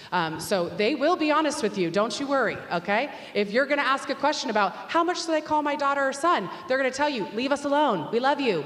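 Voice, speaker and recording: A woman's voice: medium pitch, fairly bright tone. Woman orientation director, chatty and upbeat, echoey auditorium, faint noise. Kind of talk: casual address to an audience. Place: large auditorium. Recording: echoey hall.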